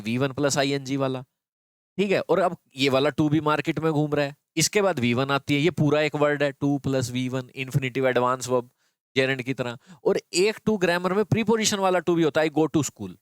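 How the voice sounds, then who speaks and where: A man's voice: on the high side, no room sound. A man teaching an exam-prep English grammar lesson, explaining step by step and repeating key phrases to his students.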